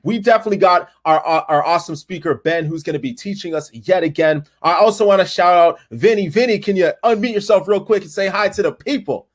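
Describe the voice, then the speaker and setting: A man's voice: sits high, fairly quick, hardly any pauses. Hyped man hosting a livestream webinar. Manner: energetic, hyped, calls out viewers by name. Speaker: webinar host.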